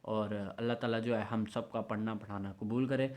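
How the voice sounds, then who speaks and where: A man teaching Quran recitation in an online lesson, slowly drilling syllables and explaining in quick bursts. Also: lowish voice, steady tone, a little mellow.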